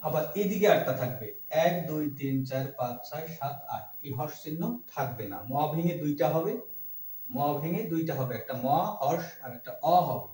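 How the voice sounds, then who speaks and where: A man teaching Sanskrit verse pronunciation, slowly breaking words into letters and chanting the lines. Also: on the high side, warm tone. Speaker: Gita recitation teacher. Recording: roomy echo, mic far off.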